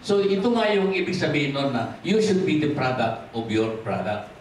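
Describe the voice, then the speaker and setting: A man with a Filipino accent preaching a sermon as pastor, switching freely into English, rising to stress points and dropping low and quiet to close them. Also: expressive, normal speed, a little hiss or hum. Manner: mixes in English, asks the congregation for amens. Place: church hall. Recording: echoey hall from far off.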